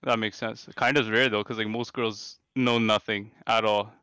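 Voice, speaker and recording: Young man, from Canada, bright, crisp, laid-back slangy chat. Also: lowish voice, level tone, normal speed. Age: 20s. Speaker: dating show contestant. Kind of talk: casual chat on a video call. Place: bedroom, indoors.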